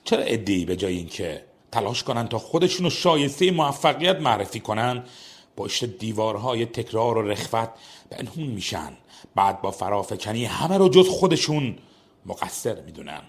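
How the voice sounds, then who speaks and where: A man hosting a program, reading a scripted narration in a rapid, formal delivery. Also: on the low side, big pitch swings. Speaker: program host.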